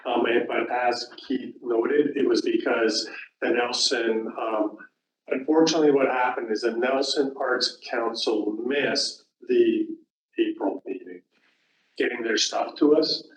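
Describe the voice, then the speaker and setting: A man's voice: mid-range voice, measured pace, slight background noise. A man on a commission's staff, explaining procedure at a public meeting with many fillers. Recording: echoey room, distant mic, faint ambience.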